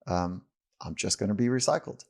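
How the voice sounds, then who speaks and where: A male interview host with a fairly low voice. He speaks thoughtfully, summing up his guest's ideas and framing the next question. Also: expressive, normal speed, vocal fry, a little mellow. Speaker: podcast host. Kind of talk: interview podcast conversation.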